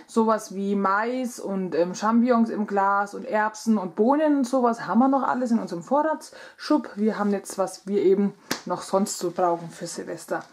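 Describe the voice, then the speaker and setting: A woman's voice: medium pitch, normal speed, darkish tone, slight background noise. A woman in her thirties narrating a casual vlog in a chatty manner, talking straight to her viewers. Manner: chatty vlogger presenting items, addressing viewers directly. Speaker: vlogger. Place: indoors at home, kitchen.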